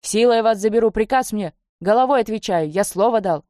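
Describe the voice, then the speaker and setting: A woman's voice: mid-range voice, steady tone, a little fast, a little mellow, no echo, studio quality, close to an everyday voice. A woman voicing a fierce armed horseman who barks orders in broken, clipped speech. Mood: commanding. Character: fierce armed horseman, grown man, loyal to his word.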